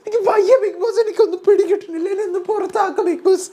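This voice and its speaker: Woman doing a frantic young woman begging to leave, shrill, wobbly, near tears. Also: steady tone, rapid-fire, warm tone. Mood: tearful pleading. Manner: whiny, tearful pleading. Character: distraught young woman pleading to leave the house.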